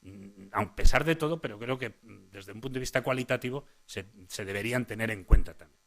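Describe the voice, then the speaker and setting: A man's voice: fairly low pitch, brisk, vocal fry, fairly bright tone. A man giving a conference lecture on child speech as a language psychologist, often restarting phrases and adding "eh?" tags as he points the audience to his slides. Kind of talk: conference lecture to parents and professionals.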